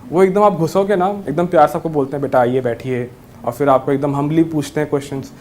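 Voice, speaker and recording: A man's voice: a little high, steady tone, quick pace, a little mellow, a little hiss or hum. A young man giving friendly, reassuring interview advice and mixing English words into his Hindi. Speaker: interview guest, newly selected civil judge.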